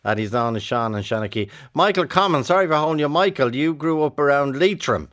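A man's voice: a little high, expressive, fairly quick, a bit bright. An Irish man hosting a radio show, interviewing guests in a conversational style. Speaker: radio host.

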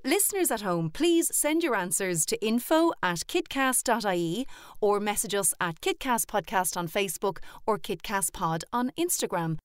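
Woman, jokey podcast host, animated intonation, dry studio sound. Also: mid-range voice, no echo. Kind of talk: light-hearted podcast presenting and chat.

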